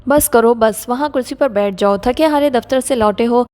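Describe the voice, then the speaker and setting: A woman's voice: on the high side, a little mellow, lightly acted. A woman reading the part of an elderly mother-in-law who complains melodramatically, sighing and groaning as she talks. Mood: complaining.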